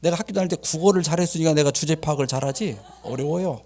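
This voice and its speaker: An older man, a pastor, preaching a sermon in an animated way and voicing the people in his stories. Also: on the high side, quick pace. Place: healing center meeting room.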